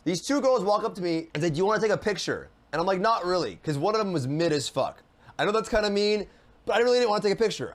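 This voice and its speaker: A casual, expletive-heavy male storyteller with a noticeably high-pitched voice. He talks fast and freely, exasperated and animated, with swearing throughout. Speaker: vlogger.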